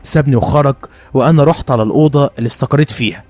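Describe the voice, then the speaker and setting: Fast-talking Egyptian male storyteller. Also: mid-range voice, a little mellow, dry recording, soft background music. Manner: brisk, conversational storytelling. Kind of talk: dramatized first-person story narration.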